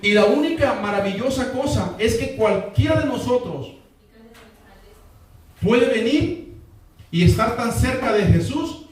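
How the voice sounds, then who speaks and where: Male pastor with a really high voice, preaching, keeps repeating himself and asking the crowd for amens, heard from far off in a big echoey church. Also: lively intonation, unhurried, pauses often. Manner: repeats key lines and calls for congregation responses. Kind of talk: sermon. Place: church sanctuary. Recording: echoey hall, voice from far off the mic.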